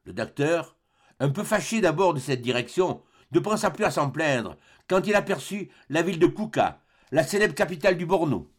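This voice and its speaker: A man reads a classic adventure novel aloud in a measured, dramatic style. His voice sits a little high for a man, and he sinks low and hushed when the tension rises. It is a steady audiobook narration. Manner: dramatic reading, dropping low and quiet for tense moments.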